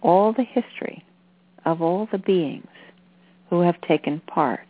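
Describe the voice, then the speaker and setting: Slow, low-voiced woman, phone-like sound. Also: no room sound. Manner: unhurried, deliberate, with halting phrases. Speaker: spiritual channeler and teacher. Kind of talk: channeled spiritual message. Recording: phone-like narrow-band sound.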